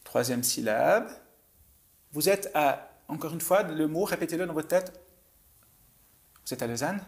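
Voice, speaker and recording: A man, a mentalist host leading a guest through a calm guided visualization with soft, hesitant instructions. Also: a little high. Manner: soft, slow, suggestive instructions with hesitant restarts.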